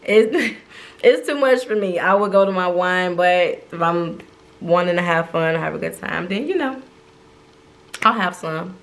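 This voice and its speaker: Laid-back woman chatting with her partner, joking around, voice a bit gravelly. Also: lowish voice, animated, a little slow. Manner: playful, chatty, laughs often. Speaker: co-host of a couple's channel. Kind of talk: casual chat.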